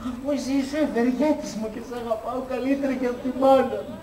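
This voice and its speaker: An actor playing a drunk, rowdy man who cheekily mocks a general, shouting and slurring, in a live stage comedy recorded from afar in an open-air theatre. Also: extremely high pitch, fairly even intonation, a crowd in the background. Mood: cheeky. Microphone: distant audience recording. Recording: distant, echoey, with audience laughter.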